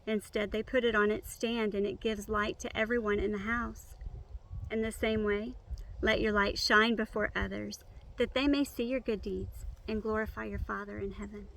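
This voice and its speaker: A woman reciting memorized scripture by rote, in measured, complete phrases. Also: medium pitch, gravelly, rough recording.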